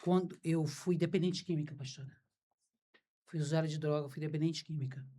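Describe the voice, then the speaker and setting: A woman's voice: low voice, fairly even intonation, fairly quick, mellow. A Brazilian woman hosting a podcast, talking frankly and informally. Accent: Brazilian Portuguese. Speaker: podcast host. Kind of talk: conversational interview.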